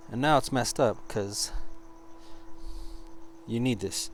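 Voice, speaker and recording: A man giving an informal hands-on product demonstration, speaking haltingly as he searches for words. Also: medium pitch, slight background noise. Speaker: product reviewer.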